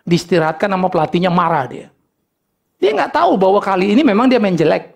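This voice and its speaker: A middle-aged man preaching a sermon, telling lively stories about family life and acting out little dialogues with humor. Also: sits high, fast, vocal fry. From North Sumatra, Indonesia. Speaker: pastor.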